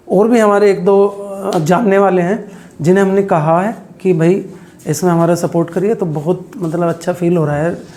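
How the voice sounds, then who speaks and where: A man, a teacher, giving an earnest, halting speech at a small celebration, with many fillers. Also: high voice, dark tone.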